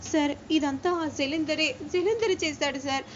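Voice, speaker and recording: A tearful young wife, as a woman narrator plays her, pleading in a high, slowed voice. The sound is dull and lo-fi with faint ambience behind. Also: slight background noise, lightly acted.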